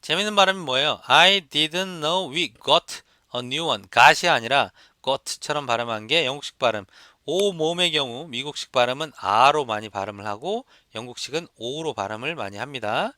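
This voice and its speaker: A man's voice: mid-range voice, animated, normal speed, bright, forceful tone, dry recording, clean studio sound. A man teaching an exam listening lesson, explaining step by step and repeating examples for students to copy. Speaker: English test instructor. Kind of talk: lecture.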